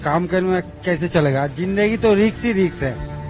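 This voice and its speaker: A man's voice: high voice, animated, normal speed. A man plainly answering an interviewer's questions, matter-of-fact. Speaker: migrant worker interviewee. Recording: interview with loud music underneath.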